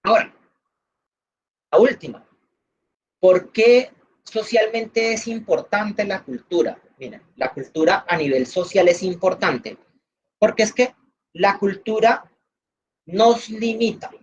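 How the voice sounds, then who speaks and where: A woman's voice: medium pitch, animated, slow, pauses often, a little mellow, slightly rough, highs cut off. A woman from Valle del Cauca with a Valle Colombian accent, teaching an online class in a chatty way, with everyday examples and many fillers. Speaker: instructor.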